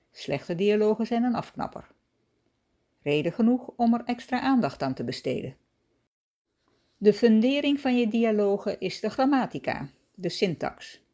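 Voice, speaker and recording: A woman hosting a writing-tips podcast, reading a scripted lesson in a calm, measured, instructive way. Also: mid-range voice.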